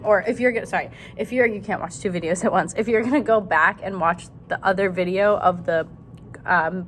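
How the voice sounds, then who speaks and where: A woman's voice: mid-range voice, a little hiss or hum. A woman teaching a song to her students, chatting casually and correcting herself as she goes. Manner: chatty, self-correcting, demonstrates by singing syllables. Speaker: music teacher. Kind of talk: casual singing lesson for students.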